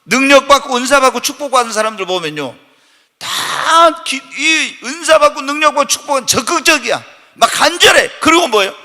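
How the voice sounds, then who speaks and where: A man preaches in a church sanctuary with a long hall reverb trailing his words. His voice sits high for a man and sounds sharp and bright, and he peppers the congregation with rhetorical questions and now and then shouts for emphasis. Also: expressive, brisk. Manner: bursts into loud, shouted emphasis. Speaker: pastor. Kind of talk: Korean evening church sermon. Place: church sanctuary during a Wednesday night service.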